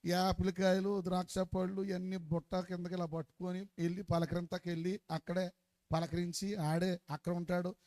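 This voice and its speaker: A man preaching a sermon, calling on the congregation to answer back louder and swinging between quiet asides and shouted lines. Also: sits high, level tone, moderate pace. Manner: call-and-response, urging the congregation to answer louder.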